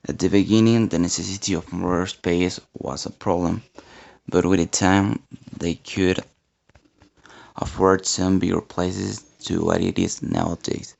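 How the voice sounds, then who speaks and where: Low, flat, very creaky man reading. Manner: halting reading with non-native phrasing. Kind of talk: scripted report narration. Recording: dull lo-fi home recording.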